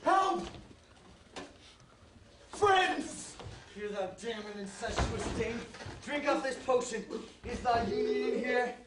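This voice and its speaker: A man's voice: very high voice, steady tone, background noise. A man playing an anguished, passionate young prince as he dies, declaiming in theatrical Shakespearean style. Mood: enraged, urgent. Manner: theatrical, declaiming, drawn-out dying delivery. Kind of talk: Shakespearean stage acting. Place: theatre stage, recorded from far off. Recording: distant echoey stage recording, music behind.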